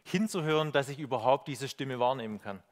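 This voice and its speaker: A man's voice: medium pitch, a little fast. Reflective man preaching a sermon. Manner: reflective, many fillers and rhetorical questions. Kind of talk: sermon with slides.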